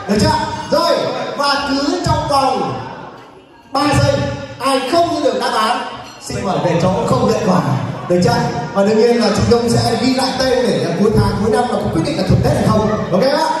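A young man hosting a live party game show as MC, teasing playfully and hyping the crowd over a PA. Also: very high-pitched. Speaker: event MC. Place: large hotel ballroom stage. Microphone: handheld PA microphone heard through distant camera. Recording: echoey hall, distant camera, music and crowd.

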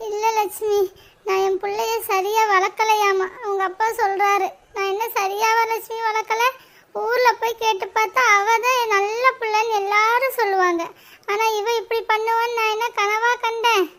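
A woman voicing a worried middle-aged village mother in a cartoon, talking slowly and plaintively. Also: very high voice, level tone. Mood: grieving. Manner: slow, plaintive, lamenting. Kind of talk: cartoon voice acting.

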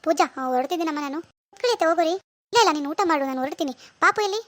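Woman doing a brisk, caring middle-aged mother-in-law in a village cartoon. Fast talker, high voice. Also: expressive, a bit bright, no echo. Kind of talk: animated village family drama.

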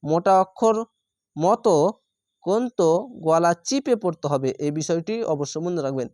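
A man's voice: fairly high pitch, lively intonation, moderate pace, darkish tone, dry recording, clean studio sound. A man teaching Quran reading, spelling out each word syllable by syllable, stretching the vowels and repeating them patiently before explaining the rules.

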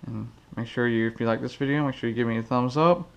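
In a cluttered indoor garage, a man hosting a fishing channel casually demonstrates a knot, counting each step aloud. His medium-pitched voice is quick, gravelly, clear and resonant, picked up by a head-mounted action camera.

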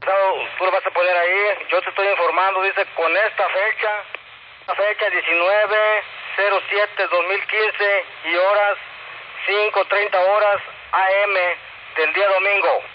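A man dictating an incident report over a two-way radio as a police officer, haltingly and repeating phrases. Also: high-pitched, steady tone. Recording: dull, noisy two-way radio transmission.

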